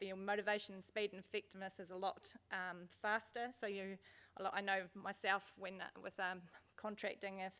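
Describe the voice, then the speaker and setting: A woman's voice: mid-range voice, fairly bright tone. A woman giving an informal business presentation at a conference, speaking in a hesitant, loosely phrased way. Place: indoor conference venue.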